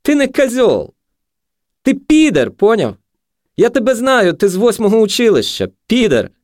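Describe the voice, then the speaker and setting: A man voicing a jeering, unhinged young male street junkie who yells taunts. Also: high-pitched, huge pitch swings, normal speed, no room sound, clean studio sound, voice pushed up. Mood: taunting.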